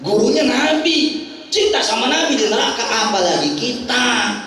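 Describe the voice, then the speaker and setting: Animated Betawi-accented preacher, echoey hall. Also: male voice, very high voice, normal speed, slight background noise. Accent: Jakarta Betawi. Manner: animated, joking storyteller. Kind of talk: humorous storytelling sermon. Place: prayer hall in Jakarta. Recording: echoey prayer hall from far off.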